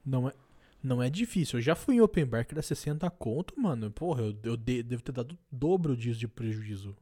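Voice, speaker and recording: A young man speaks with a Brazilian Portuguese accent in a middle-pitched voice. He banters like a podcast co-host, loose and slangy, joking crudely and swearing freely. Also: animated, quick pace, warm tone. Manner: crude, joking, profanity-laden.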